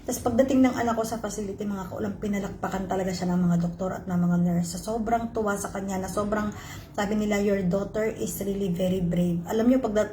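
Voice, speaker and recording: A woman's voice: medium pitch, warm tone, slight background noise. A woman vlogger telling her viewers an emotional personal story, switching between Tagalog and English. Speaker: vlogger host. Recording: roomy echo.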